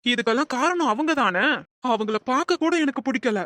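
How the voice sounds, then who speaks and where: A woman's voice: high voice, animated, a little fast, fairly bright tone, dry recording. Woman voicing a pleading young cartoon husband. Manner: earnest, pleading. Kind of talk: animated cartoon voice acting.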